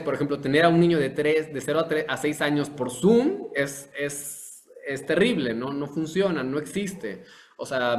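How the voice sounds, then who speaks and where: A man with a somewhat high voice gives a lesson. He lays out each point by asking a question and then answering it. He often restarts a phrase and pauses on fillers as he works through his explanation. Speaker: teacher. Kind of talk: online lecture.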